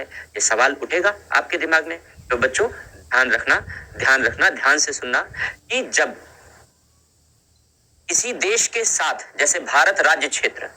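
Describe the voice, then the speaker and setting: Man, teacher, classroom lecture, bright tense tone, repeats phrases, unhurried. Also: a little high, rough recording. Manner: repeats key phrases, addresses students as children. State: has a headache, speaking slowly.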